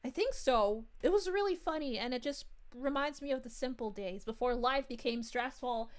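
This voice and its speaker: A woman's voice: high voice, lively intonation, normal speed. A woman voicing a sweet, bubbly young princess, reading chat live in character and giggling often. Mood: cheerful. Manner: giggly, gushing, chatty.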